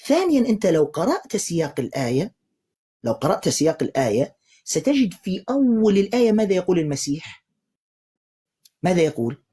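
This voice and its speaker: Male preacher, husky and mellow, steady and persistent with a heated caller. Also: sits high. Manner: calm, insistent, keeps telling the caller to calm down; quotes scripture in a slow recitation. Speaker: Islamic preacher debating callers. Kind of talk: live online debate.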